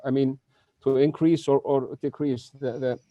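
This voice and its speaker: A man's voice: medium pitch, steady tone, no echo. Guy asking a question, stops and restarts a lot, dry muffled call audio. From Iceland. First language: Icelandic. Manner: halting, many restarts. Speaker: audience member asking a question. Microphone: video call.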